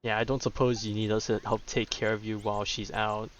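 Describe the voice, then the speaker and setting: A man streams a game and offers casual commentary in a fairly low, flat voice, speaking a little fast. The lo-fi mic sounds slightly dull, the recording is very noisy, and game music plays behind him.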